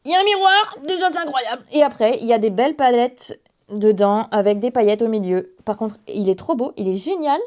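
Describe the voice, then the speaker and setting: A woman's voice: a little high, lively intonation, fairly quick, dark tone. A 19-year-old woman chatting casually through a makeup haul, with self-mocking asides. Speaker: beauty vlogger.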